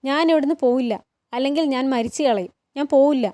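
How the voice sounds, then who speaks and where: A fiery young woman who fights back and begs by turns, as a woman storyteller puts her on. Her voice sits high and sounds close and dry, as in a storybook read-aloud. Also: fast, dark tone, dry recording, natural voice. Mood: defiant. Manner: pleading and defiant.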